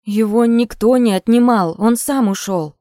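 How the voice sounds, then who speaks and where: A woman reader voicing a brisk middle-aged businesswoman mother who scolds and brushes off her daughter. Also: mid-range voice, animated, darkish tone, no room sound, studio quality, natural voice. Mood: dismissive.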